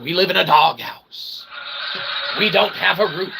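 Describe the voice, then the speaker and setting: With a high-sitting, bright, forceful voice and creaky texture, this independent researcher and vlogger rambles casually at a measured pace. He's folksy and slangy, uses mock-grand words, and keeps checking in with "okay" and "all right." The recording is rough, with a little hiss or hum.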